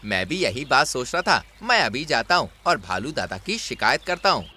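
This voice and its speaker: A man's voice: medium pitch, very animated, moderate pace, bright, forceful tone, full character voice. A man voicing a hot-headed young male monkey who complains indignantly. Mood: aggrieved.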